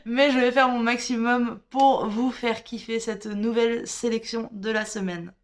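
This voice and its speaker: A woman's voice: fairly high pitch, fairly even intonation, measured pace. A hungover, very tired woman in her thirties with a slightly unsteady voice, chattily presenting film picks to viewers in an informal, enthusiastic way. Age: 30s. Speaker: host of a weekly film recommendation show.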